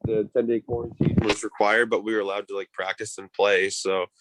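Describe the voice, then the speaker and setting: Low-voiced man chatting in an interview. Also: level tone, fairly quick, noisy background. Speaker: professional ice hockey player being interviewed. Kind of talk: casual interview answers.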